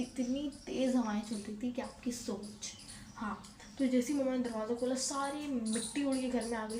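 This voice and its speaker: A young woman, talking quietly at home as she rambles through a story for her vlog, often repeating herself. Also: a little high. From Pakistan. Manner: speaking softly, hushed so as not to wake the household. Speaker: vlogger. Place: at home, indoors. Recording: echoey room, faint background noise.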